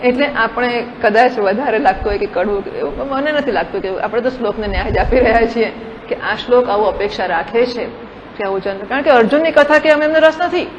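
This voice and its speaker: A woman's voice: fairly high pitch, fast talker. A woman spiritual teacher giving a scripture discourse, posing rhetorical questions and mixing in English words. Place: large hall at a camp. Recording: dull recording in a reverberant hall with faint noise.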